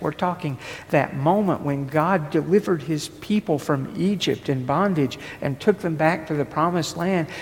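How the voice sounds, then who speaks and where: A man preaching a sermon, moving from hushed, tender passages to rising, forceful declarations. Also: a little high. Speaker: pastor. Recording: long hall reverb with faint noise.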